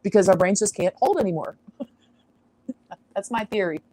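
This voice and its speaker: Mellow-voiced woman chatting on a livestream. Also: mid-range voice, lively intonation, moderate pace, a little hiss or hum, poor audio. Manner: rambling, chatty, laughs often, sidetracks. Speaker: astrology livestream host. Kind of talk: casual live-stream chat. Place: outdoors on a farm.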